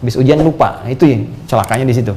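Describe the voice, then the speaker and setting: An Indonesian man preaching a Quran exegesis lecture, lively and full of rhetorical questions and playful asides. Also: medium pitch, racing, slight background noise. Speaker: Islamic preacher.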